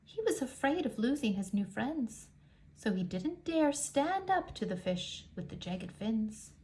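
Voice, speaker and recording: For an audience of young children, a woman reads a picture book aloud with expressive, deliberately dramatic emphasis. Her voice is a little high.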